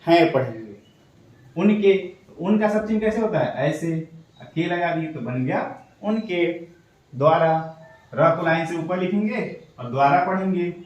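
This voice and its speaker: A man teaching shorthand step by step, patiently asking questions and answering them himself. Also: high voice. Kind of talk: step-by-step tutorial explanation. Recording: echoey room, voice from a distance.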